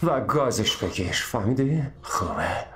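A man dubbing a surgeon and worried husband, giving quick urgent orders. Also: fairly low pitch, big pitch swings, fairly bright tone. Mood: commanding.

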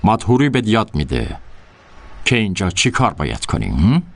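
An actor in a dubbed film playing a menacing man who coaxes and quietly threatens a girl. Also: on the low side, very animated, gravelly, exaggerated voice. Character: smooth menacing older pimp coaxing a girl.

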